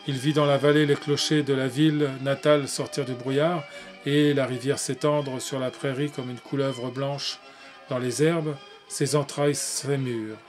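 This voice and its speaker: A man narrating a classic tale in a measured way, with occasional slips and restarts. Faint music plays behind him. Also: mid-range voice. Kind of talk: reading a classic tale aloud.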